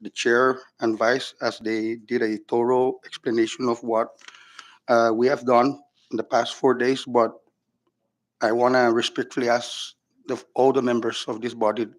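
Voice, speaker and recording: A man's voice: medium pitch, level tone, moderate pace. A male legislator making formal floor remarks to the members of his chamber.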